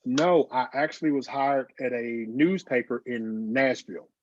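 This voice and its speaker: A man's voice: mid-range voice, unhurried, slight background noise. Man with a slight lisp. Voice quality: slight lisp from dental aligners. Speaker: graphic designer, guest. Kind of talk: casual interview over video call. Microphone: video call. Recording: dull video call audio.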